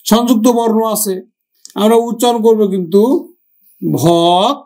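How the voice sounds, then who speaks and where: A man with a Bangladeshi Bengali accent teaching a grammar lesson for exam preparation, slowly repeating words and their pronunciations. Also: high-pitched, a little mellow. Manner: slow, drawn-out repetition of words.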